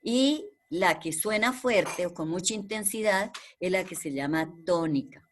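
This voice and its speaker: A woman's voice: lowish voice, expressive, unhurried. A woman teaching a primary school class over a video call. She speaks patiently and repeats the key terms so her pupils remember them.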